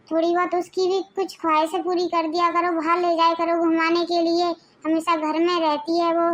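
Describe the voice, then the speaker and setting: A girl with a very high voice plays a concerned parent advising a son about his marriage. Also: a little hiss or hum. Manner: coaxing, advising.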